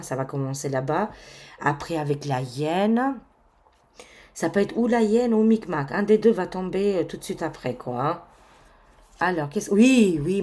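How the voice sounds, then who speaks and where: A woman reading tarot cards for her viewers in a casual, chatty way, full of fillers and excited exclamations. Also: deep voice. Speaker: tarot card reader.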